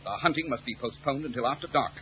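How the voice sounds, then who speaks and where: An actor playing a brisk, self-assured British detective with a crisp, commanding, theatrical delivery in an old radio drama. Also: male voice, mid-range voice, lightly acted. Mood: brisk, confident. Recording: tinny, noisy old radio recording.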